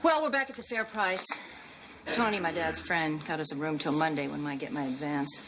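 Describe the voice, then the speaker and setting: A brash, flirtatious woman in a 1990s sitcom, firing off sassy deadpan comebacks. Her voice sits a little low for a woman. Clear background noise hangs over the recording. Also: moderate pace.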